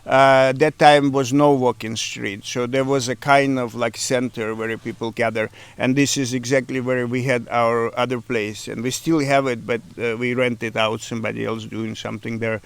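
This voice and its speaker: Middle-aged Ukrainian-accented man, smooth voice. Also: medium pitch, level tone, moderate pace, hardly any pauses, no echo. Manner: hesitant, many fillers, broken grammar. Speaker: interviewee, café owner. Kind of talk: casual interview.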